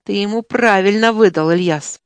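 A woman reading an audiobook, voicing a sly, needling male truck driver who jeers in a shrill, wheedling voice. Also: moderate pace, no echo, studio quality, close to an everyday voice.

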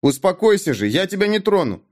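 A man voicing a gentle, timid male wizard who speaks softly and politely. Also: sits high, very animated, fairly quick, pitched above the performer's own voice. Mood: pleading calm.

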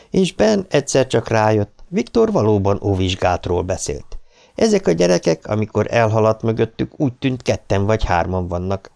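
A man reading an audiobook in an expressive, dramatic storytelling manner. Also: on the low side, creaky. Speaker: audiobook narrator. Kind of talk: scripted narration.

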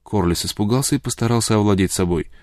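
Low-voiced male audiobook narrator. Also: quick pace, a little mellow, dry recording, studio quality. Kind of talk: scripted narration.

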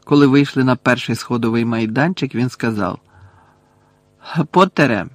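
A man's voice: medium pitch, steady tone, brisk, a little mellow, no echo. Man narrating an audiobook, dry sound.

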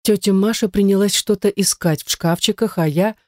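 A woman reading a first-person novel aloud as an audiobook narrator, in a measured, tense storytelling manner. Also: mid-range voice, no echo, clean studio sound.

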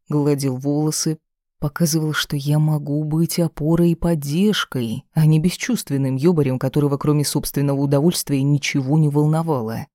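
A man reading a first-person romance novel aloud in a steady, intimate manner. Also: on the high side, dry recording, clean studio sound. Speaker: audiobook reader.

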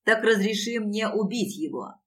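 A woman reading an audiobook and voicing an obsessive, jealous young man in a hushed, brooding tone. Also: high voice, lively intonation, normal speed, recorded from a distance. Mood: intense.

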